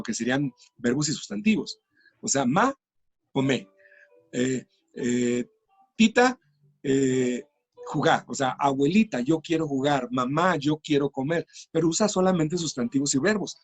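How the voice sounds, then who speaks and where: A man's voice: on the high side, darkish tone, slightly rough, no echo. A middle-aged man talks through ideas like a patient teacher, in a slightly raised voice. His speech is recorded dry and close, with no room sound around it. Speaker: teacher trainer. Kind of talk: interview.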